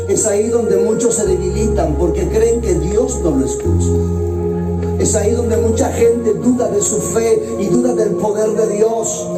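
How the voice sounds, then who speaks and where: Dramatic man preaching over loud music. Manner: dramatic preaching, swinging between loud high exclamations and low hushed phrases. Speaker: evangelist pastor. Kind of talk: impassioned sermon. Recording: roomy and distant with loud music.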